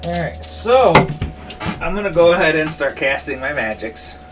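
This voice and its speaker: A man playing a tabletop game, eagerly planning his moves out loud. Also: fairly high pitch, lively intonation, moderate pace, recorded from a distance. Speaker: player. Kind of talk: casual game talk.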